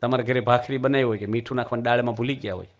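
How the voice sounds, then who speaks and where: A man's voice: medium pitch, steady tone, racing. A man with a Gujarati accent giving a religious discourse, telling anecdotes with humorous asides to his audience. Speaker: monk preacher.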